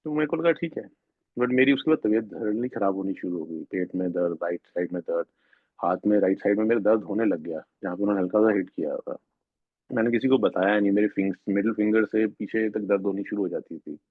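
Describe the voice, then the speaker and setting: A man with a husky, somewhat low voice gives an earnest, rambling testimony, often breaking off and restarting his sentences. The sound is thin and phone-like, and it is dry with no room echo. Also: a little fast. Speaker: devotee sharing a personal spiritual experience. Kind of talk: personal testimony at a devotional gathering.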